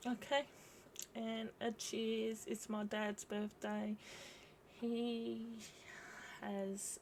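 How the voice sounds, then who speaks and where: A woman hosting a casual livestream, rambling reflectively in short phrases with frequent pauses. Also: medium pitch, creaky, slight background noise. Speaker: host of a live video commenting on folklore.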